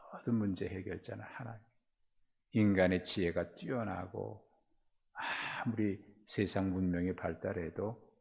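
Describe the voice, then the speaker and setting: A middle-aged male pastor with a gravelly, fairly low voice delivers an early-morning sermon. He speaks earnestly and pleads, often slipping into first-person prayers addressed to God.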